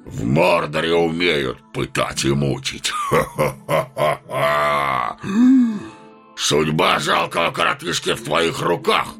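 A man voicing a huge, mocking male envoy of a dark lord in an audiobook, taunting with a raised voice. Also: a little high, sing-song, a little slow, gravelly, few pauses, soft background music, pitched above the performer's own voice, heavily acted. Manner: mocking, taunting, bursts of laughter. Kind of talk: audiobook character voice.

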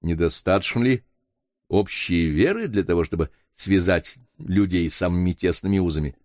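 A proud, self-assured baronet, as a male audiobook narrator voices him, arguing in a low, assured tone. The recording is dry and close. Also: lively intonation, normal speed, darkish tone, no room sound.

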